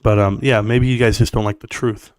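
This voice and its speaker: A middle-aged live streamer rants about the stock market in a fairly low, scratchy voice, delivering it briskly and flatly yet bluntly, emphatically and opinionatedly, straight to the chat. The tone is clean, with no room sound, in a clean studio recording.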